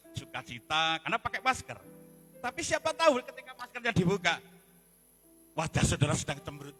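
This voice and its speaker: A man with a Javanese accent, a pastor preaching a sermon in an animated, joking way. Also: a little high. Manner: animated, joking, acts out quoted voices. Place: church service.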